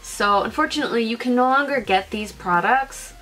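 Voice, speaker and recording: A woman's voice: a little high, fairly quick, a bit bright, soft background music. A young woman chatting as a beauty vlogger, bubbly and gushing, her talk full of "like" and "freaking". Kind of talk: casual chat.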